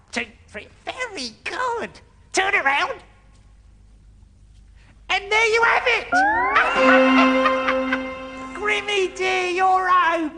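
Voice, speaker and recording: An actress voicing a sly, wheedling old dungeon housewife who cackles and calls everyone dearie. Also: female voice, very high-pitched, bright, forceful tone, heavily acted. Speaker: character in a TV dungeon game.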